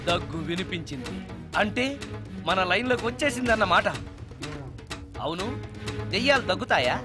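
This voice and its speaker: An actor playing a comic lead in a film, animated and excitable, muttering to himself and chanting mock spells. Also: male voice, sits high, moderate pace. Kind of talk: film comedy dialogue. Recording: film audio with music.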